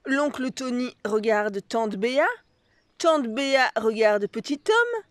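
A woman reads a picture book aloud to children, slow and expressive. Her voice sits high and unhurried, lingering over the repeated lines. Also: dry recording. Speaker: storyteller.

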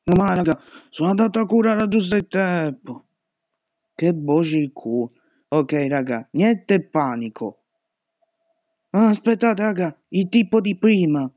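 A man's voice: sits high, expressive, a little slow, no room sound. Panicky swearing young man, lo-fi mic. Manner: panicky, swearing and shouting at jumpscares. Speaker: gaming youtuber. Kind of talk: horror gameplay commentary.

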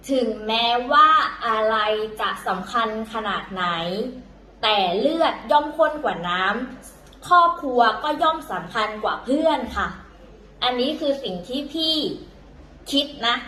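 A woman's voice: high-pitched, animated, measured pace, bright, forceful tone, reverberant, a little hiss or hum, rough recording. A woman teaching in a casual, chatty way, full of fillers and self-corrections, talking to viewers as younger siblings. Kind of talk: casual vlog-style lesson.

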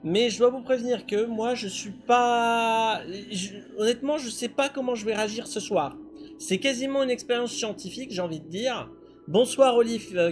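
High-voiced man streaming, music behind. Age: middle-aged. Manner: rambling, self-deprecating. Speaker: game streamer. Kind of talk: casual live-stream chat. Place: indoor home streaming setup.

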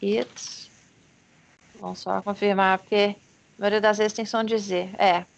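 A woman with a Brazilian Portuguese accent teaching an online English lesson, patiently explaining and modelling pronunciation slowly. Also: medium pitch, flat delivery, gravelly. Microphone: video call. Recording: video call with faint background noise.

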